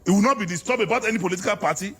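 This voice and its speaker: A man's voice: high voice, very fast, fairly bright tone, breathy edge. A Nigerian man arguing politics in a heated interview, fiery and preacher-like, hammering his points. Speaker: political guest.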